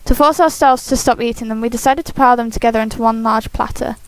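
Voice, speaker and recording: A woman hosting a game playthrough, reading a visual novel aloud expressively with casual asides, animated and giggly. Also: on the high side, fast talker, no echo, rough recording. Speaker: host of a game playthrough series.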